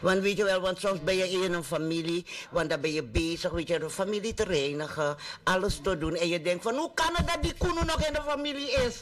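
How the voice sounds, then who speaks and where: A man's voice: high-pitched, fairly quick, hardly any pauses, fairly bright tone. A man with a Surinamese Dutch accent hosting casual radio talk, preachy and emphatic, repeating phrases for weight. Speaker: radio host.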